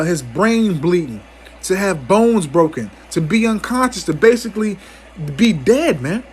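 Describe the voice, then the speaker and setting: A man's voice: high voice, a bit bright. A man giving an angry, profane commentary on scripture as a teacher, stammering through restarts and ending almost every phrase with "man".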